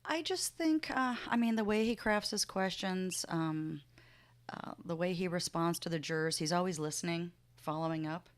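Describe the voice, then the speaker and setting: A woman's voice: on the low side, moderate pace. A woman, a defense trial lawyer, thoughtfully sharing her view on a podcast panel.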